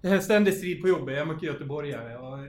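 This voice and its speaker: A man's voice: on the high side, animated. A man co-hosting an informal interview, chatting casually and putting questions to a guest. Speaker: interview co-host. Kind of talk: casual chat. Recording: roomy echo with faint background noise.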